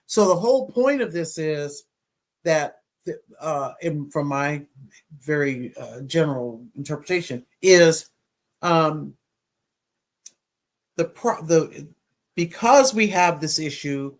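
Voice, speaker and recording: A man hosting a casual livestream, commenting in an animated, rambling way with many restarts. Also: on the high side, takes it slowly, long pauses. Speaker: livestream host. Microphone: streaming mic, briefly distorted.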